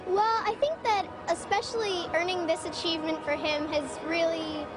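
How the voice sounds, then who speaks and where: Very high-voiced earnest girl. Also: steady tone, normal speed. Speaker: interviewee. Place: large indoor shopping mall.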